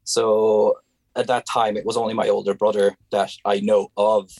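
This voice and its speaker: A young Hungarian man speaks English with a Hungarian accent in a fairly low voice, hesitating and restarting as he searches for words. The recording is dry and close, with no room sound. He sounds like a guest in a relaxed, chatty interview. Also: normal speed, no echo. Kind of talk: casual conversational interview.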